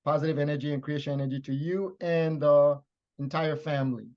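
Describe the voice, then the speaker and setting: A man's voice: a little high, steady tone, a little fast, muffled recording. A man from Liberia teaching in a lecture style, stressing his points with repeated phrases. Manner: emphatic, repetitive teaching phrases.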